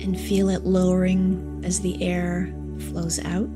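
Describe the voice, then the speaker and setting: A woman reading a guided meditation softly and soothingly, in short unhurried phrases with long pauses. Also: fairly low pitch, completely flat delivery. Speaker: live stream meditation host. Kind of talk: slow guided meditation, read from a script. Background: New-age music.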